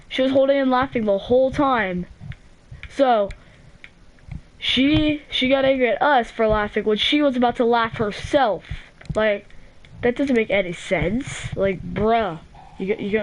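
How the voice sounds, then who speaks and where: Teen girl, fairly high voice, rambling casual storytelling, lots of "like" and cursing. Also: a little slow, a little hiss or hum, low-quality recording. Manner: rambling, full of "like", restarts and swearing. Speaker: gaming channel host.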